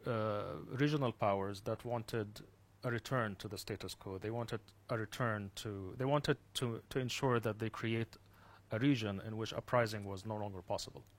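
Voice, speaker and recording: Lowish-voiced guy from the gulf, lots of ums, restarts, trails off soft. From Gulf region. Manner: thoughtful, many fillers and restarts, trailing off quietly. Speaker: guest speaker, activist. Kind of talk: personal account in an interview.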